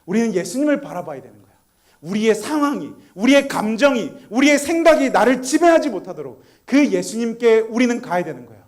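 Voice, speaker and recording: A pastor, a man in his thirties, delivers his sermon in a strikingly high voice that swings widely up and down. He tells stories from home, acting out the family's lines, and keeps putting questions to the congregation. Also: big pitch swings, a little fast. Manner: storytelling, acting out family dialogue.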